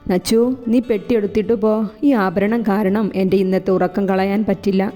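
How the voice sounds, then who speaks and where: A woman voicing a proud young man who is quick to blame others, speaking in a sharp, scolding way. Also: medium pitch, fairly even intonation, close to an everyday voice. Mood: curt. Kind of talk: audiobook character voice. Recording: echoey room with faint music.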